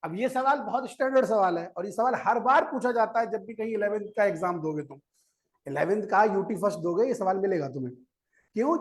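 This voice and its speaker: A male maths teacher giving a classroom lecture, coaxing his students, quizzing them and repeating each step. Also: sits high. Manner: keeps quizzing students and repeating key steps; coaxing, urges students to listen before writing.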